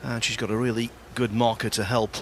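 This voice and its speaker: A man giving live snooker commentary in measured, wry phrases. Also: medium pitch, little pitch movement. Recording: faint noise, audience sounds behind. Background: snooker hall crowd.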